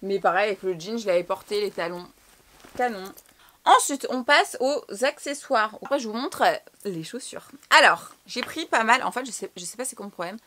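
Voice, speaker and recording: A woman's voice: medium pitch, animated, moderate pace, fairly bright tone. A young woman from France chatting casually through a clothing haul, slangy and swearing now and then. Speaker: fashion vlogger.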